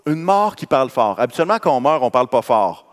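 A man's voice: mid-range voice, sing-song, fast talker, long reverb tail. A man preaching a sermon with a Quebec French accent, talking conversationally and checking in with the congregation. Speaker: pastor. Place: church.

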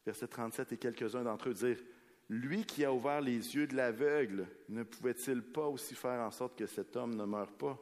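Man, Québécois accent, sermon, scripture reading, mid-pitched voice, long hall reverb. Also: moderate pace, a little mellow. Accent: Québécois French. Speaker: preacher. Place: church hall before a congregation.

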